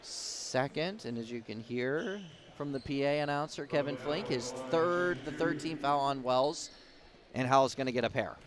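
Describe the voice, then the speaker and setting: A man's voice: medium pitch, moderate pace. A man calling live basketball play-by-play in clipped running descriptions from courtside in a gym. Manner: clipped running descriptions that rise in excitement with the action. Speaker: play-by-play sports announcer. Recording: noisy gym with bouncing balls.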